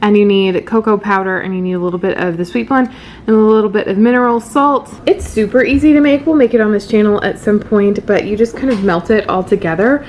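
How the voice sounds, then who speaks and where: A woman's voice: mid-range voice, a little fast, a little mellow, a little hiss or hum. A woman talking casually to viewers in a home cooking vlog, explaining things in an informal, improvised way. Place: home kitchen.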